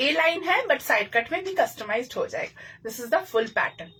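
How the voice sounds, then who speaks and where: A high-voiced woman with a husky edge runs a live sales stream from her boutique. She keeps up a brisk, persuasive patter while nursing a sore throat, speaking into a phone camera indoors. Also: very animated, bright, forceful tone. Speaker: boutique owner selling clothes live.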